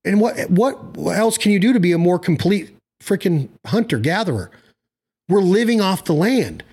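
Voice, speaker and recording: A man with a slightly high-pitched voice holds forth in casual conversation. He is opinionated and blunt, rambles from point to point, leans hard on his words and drops in mild slang. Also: animated, normal speed, darkish tone, husky. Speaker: hunting show host.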